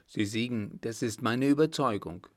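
A man voicing a confident young lieutenant in a calm, assured way, in a storybook reading. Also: mid-range voice, moderate pace, close to an everyday voice.

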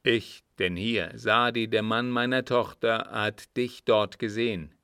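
A man's voice: on the low side, steady tone, measured pace, sharp tone, smooth, dry recording, studio quality. Man reading as a cold, guarded old sheik. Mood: cool. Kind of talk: audiobook reading.

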